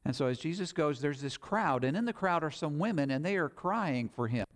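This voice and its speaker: A man's voice: fairly high pitch, animated, fairly quick. Man preaching in casual retelling. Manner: retells scripture in plain conversational paraphrase. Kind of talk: sermon.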